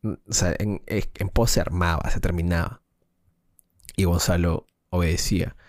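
A man's voice: low voice, fairly even intonation, normal speed, darkish tone, no echo, clean studio sound. A man, co-hosting a podcast, telling a long story in a rambling casual way, full of slang and restarts. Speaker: podcast co-host, filmmaker. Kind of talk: casual chat.

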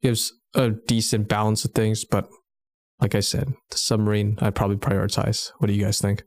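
A man's voice: on the low side, flat delivery, a little fast, no echo. A man hosting a podcast, chatting casually and leading the discussion in a laid-back way. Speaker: podcast host.

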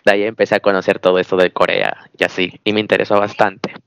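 Young Ecuadorian guy, low voice, dry close sound, laid-back interviewee. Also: quick pace, clear, resonant tone, dry recording. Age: 20s. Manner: relaxed, agreeable, many short "ujú" acknowledgements. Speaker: guest. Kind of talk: casual interview answers.

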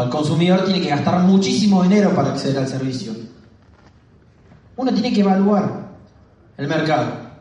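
Man, Argentine accent, fast-talking, seminar speaker, high voice, booming echo. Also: darkish tone, distant mic. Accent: Argentine Spanish. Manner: talks fast. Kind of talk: storytelling business talk to an audience. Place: hall with an audience.

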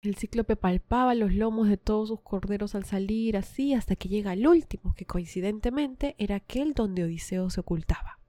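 A woman's voice: mid-range voice, moderate pace, few pauses, warm tone, no echo. Chatty woman retelling a myth. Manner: chatty, adds asides to listeners. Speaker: storyteller.

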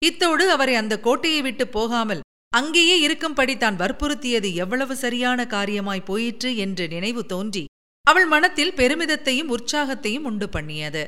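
A woman narrating a novel aloud in an expressive storytelling manner. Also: a little high, moderate pace. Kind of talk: audiobook novel reading.

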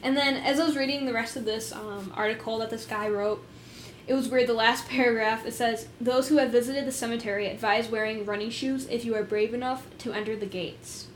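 A woman's voice: a little high, brisk, slight background noise. A young woman co-hosting a podcast, chatting casually about urban legends with lots of fillers and laughter. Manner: giggly, filler-heavy, animated. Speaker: podcast co-host.

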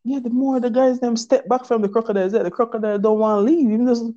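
A man with a Jamaican accent spins a casual, profanity-laced yarn in patois, slipping into quoted voices. His tone is dark and mellow, and the recording sounds dull and lo-fi. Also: very high-pitched, fast talker. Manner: profane, animated patois storytelling with acted-out quotes. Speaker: storyteller. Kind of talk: casual storytelling chat.

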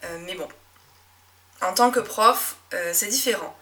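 A young woman from southwest France with a Médoc accent, a French teacher talking reflectively in a casual monologue, with frequent fillers and soft laughs. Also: mid-range voice, a little slow, recorded from a distance. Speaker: French teacher and podcast host.

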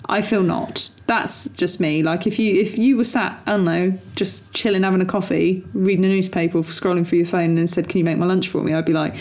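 Chatty woman reacting to a vid, relaxed darker voice. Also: lowish voice, a little fast, few pauses. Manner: chatty, expressive, laughs often. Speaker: podcast co-host reacting to a video. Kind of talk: casual chat.

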